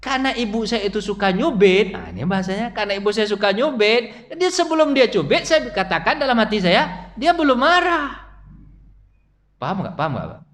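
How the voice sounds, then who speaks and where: Male preacher, middle-aged, high and lively voice, storytelling sermon with audience questions. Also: brisk. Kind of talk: mosque study sermon. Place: mosque.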